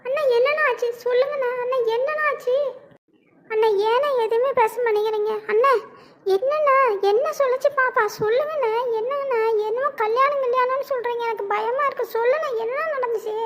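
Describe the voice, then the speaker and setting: A performer voicing an anxious younger man who pleads with and consoles his elder brother in a cartoon drama. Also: very high-pitched. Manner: pleading, fretful, repeating calls of brother.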